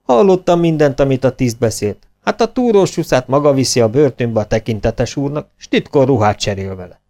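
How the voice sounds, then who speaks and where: A man's voice: medium pitch, animated, darkish tone, lightly acted. A man voicing an eager, scheming male helper in a storybook, talking in an urgent, conspiring way.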